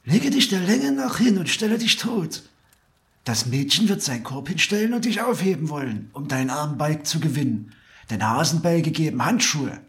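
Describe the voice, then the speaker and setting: A man's voice: fairly high pitch, expressive, moderate pace, voice pushed up. A man doing a hungry, scheming fox.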